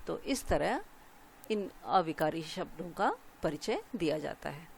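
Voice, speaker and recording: A woman with a fairly low voice teaches a grammar lesson at an unhurried pace. She reads each example sentence, then stops to explain it. A faint hiss sits under the recording. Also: very animated, creaky. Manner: explains slowly, pausing to point out each example.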